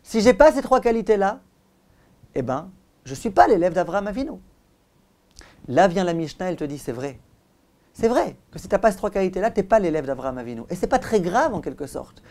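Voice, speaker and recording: In this religious lecture, a rabbi teaching Torah speaks in a very animated, high-pitched voice, a little fast and a little mellow. He is emphatic and instructive, circling back to repeated phrases and questioning his audience directly.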